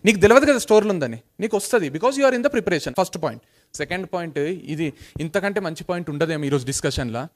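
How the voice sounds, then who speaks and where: A man tells a motivational story in an emphatic way, repeating phrases and mixing in English. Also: high voice. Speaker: motivational speaker.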